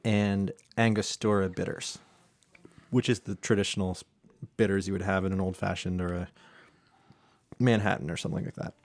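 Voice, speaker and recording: A man's voice: low voice, level tone, normal speed, pauses often, dry recording. A man hosting a casual chat, explaining a drink recipe with plenty of fillers and restarts. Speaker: home bartender host.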